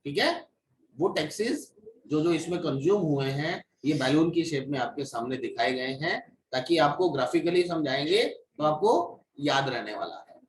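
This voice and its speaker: Male instructor, fairly high voice, classroom lecture, recorded from across a roomy space. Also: expressive, moderate pace, slight background noise. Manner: explains step by step, checks in with "ठीक है". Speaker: GST course instructor. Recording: echoey room, mic at a distance.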